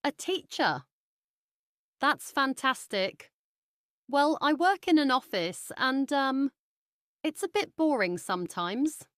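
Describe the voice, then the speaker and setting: A woman with a British accent playing a friendly young office worker in a slow, carefully spoken practice dialogue. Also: sits high, sing-song, fairly bright tone, dry recording, studio quality, full character voice.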